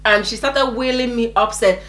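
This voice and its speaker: High, bright-voiced woman telling a story. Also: moderate pace. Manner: animated, acts out quotes and screams, repeats herself. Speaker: vlogger. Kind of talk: storytime vlog, casual retelling.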